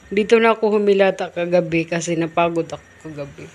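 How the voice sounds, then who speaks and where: A woman's voice: on the low side, quick pace, a little mellow. A woman vlogging in a casual chat, talkative and teasing, often repeating her questions. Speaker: vlogger host. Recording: noisy background with passing vehicles.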